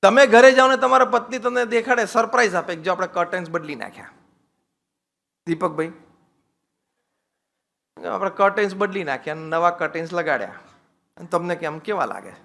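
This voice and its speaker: A man, a swami, giving a humorous religious discourse on married life, lively and teasing, slipping English phrases into his talk. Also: high voice, brisk, vocal fry, long pauses.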